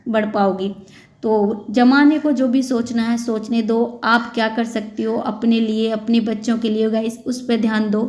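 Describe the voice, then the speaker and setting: A woman in her thirties vlogs in an earnest, plain-spoken way. Her voice sits a little high, but her intonation stays flat and even. She speaks directly to her viewers. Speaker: vlogger. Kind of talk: casual vlog talk to viewers.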